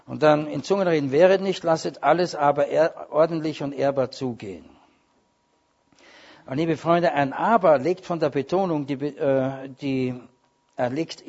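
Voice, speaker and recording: Husky German-speaking preacher, emphatic sermon. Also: male voice, fairly high pitch. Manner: emphatic, rising to loud stresses and dropping to asides. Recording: dull lo-fi recording.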